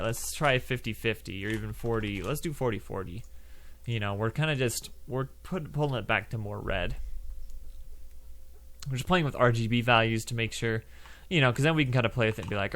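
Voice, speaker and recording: A man's voice: medium pitch, fairly bright tone. A young man talks through a game coding tutorial in a loose, chatty way, full of fillers and asides. He speaks into a desk mic at his computer, and keyboard typing can be heard behind him. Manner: loose and chatty, lots of fillers, plays laser noises. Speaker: game development tutorial host. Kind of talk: casual screen-recorded coding tutorial.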